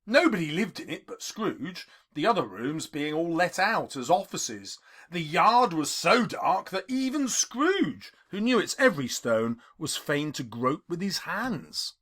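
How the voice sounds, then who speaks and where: An English teacher narrates a classic tale for an audiobook, his voice on the high side, fairly bright, and very animated, though he never hurries. The scripted reading is dramatic, full of theatrical emphasis and heavy stresses.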